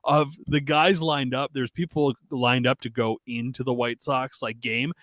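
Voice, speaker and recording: A man's voice: mid-range voice, fairly even intonation, measured pace, fairly bright tone, no echo, studio quality. A man co-hosting a sports betting show, talking in loose, profane, laughing banter. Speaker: co-host. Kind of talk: casual sports betting chat.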